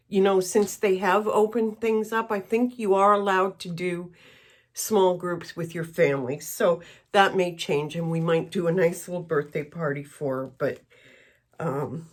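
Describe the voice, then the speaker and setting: A middle-aged woman from Canada chatting candidly while she works on a craft piece, rambling and a little emotional. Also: medium pitch. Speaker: craft vlogger. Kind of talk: casual chat while crafting.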